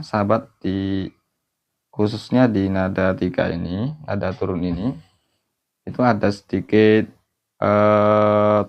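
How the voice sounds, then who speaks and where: A man teaching Quran reading melodies, speaking slowly and adding "ya" after his phrases, and singing short phrases as examples. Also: on the low side, dull audio. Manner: slow, repeats "ya" after phrases, sings melodic phrases to demonstrate. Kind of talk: online recitation lesson.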